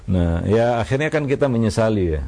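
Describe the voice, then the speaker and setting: A man speaks as a preacher, giving calm parenting advice. His voice sits fairly low and has a gravelly, creaky texture. He talks at an unhurried pace and tags his sentences with a soft "ya". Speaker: Islamic preacher answering questions. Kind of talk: religious advice talk on parenting.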